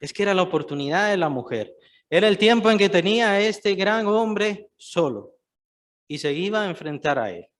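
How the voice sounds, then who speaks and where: A man's voice: high-pitched, expressive, moderate pace, a bit bright. A man preaching a sermon, stressing points by repeating phrases and putting questions to the listeners.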